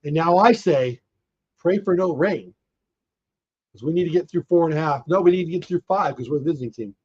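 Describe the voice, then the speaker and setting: Hoarse man hosting a baseball watch party. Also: fairly high pitch, brisk, lo-fi sound. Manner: excited, reacts to plays, talks to chat. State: hoarse, losing his voice. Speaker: livestream watch party host. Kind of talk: live baseball watch-along chat.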